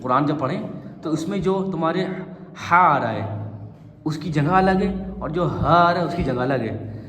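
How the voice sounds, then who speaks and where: Male teacher, slightly high voice, patient coaxing classroom tone, echoey hall. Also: lively intonation, a bit bright. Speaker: Quran reading teacher. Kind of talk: classroom Quran recitation lesson.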